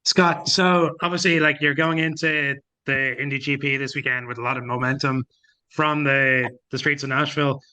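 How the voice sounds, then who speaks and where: Bright-voiced casual male reporter. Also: mid-range voice, steady tone, moderate pace, low-quality recording. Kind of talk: press conference question. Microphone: video call.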